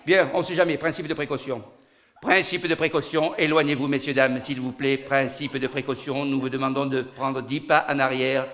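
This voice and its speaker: A man's voice: medium pitch, little pitch movement, moderate pace, fairly bright tone, voice pushed down, close to an everyday voice. A man voicing a fussy male police officer who speaks in stiffly polite, formal phrases. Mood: officious.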